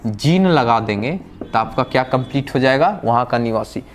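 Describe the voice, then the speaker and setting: A man's voice: mid-range voice, lively intonation, normal speed, slight background noise. A man teaching a vocabulary lesson who keeps asking questions and answering them himself, explaining patiently step by step. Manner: drills with repeated questions and answers. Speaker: language teacher. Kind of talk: classroom-style vocabulary lesson.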